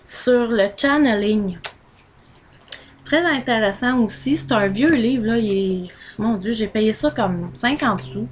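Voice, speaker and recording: A woman's voice: fairly high pitch, slight background noise. A woman with a Québécois accent, chatting casually in a home vlog and rambling with many fillers as she holds items up to the camera. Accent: Québécois French. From Quebec. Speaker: vlogger recommending books.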